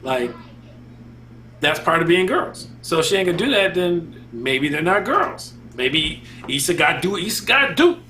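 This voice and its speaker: A man co-hosting a casual panel podcast, talking in a relaxed, slangy way and laughing often. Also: on the high side, normal speed, a little hiss or hum. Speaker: podcast co-host.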